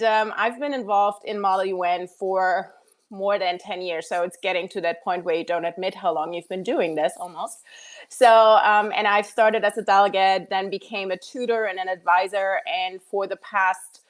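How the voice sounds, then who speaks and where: A woman in her thirties introduces herself on an online panel. She works as a university faculty advisor. She sounds friendly, with a touch of self-deprecating humor. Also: mid-range voice.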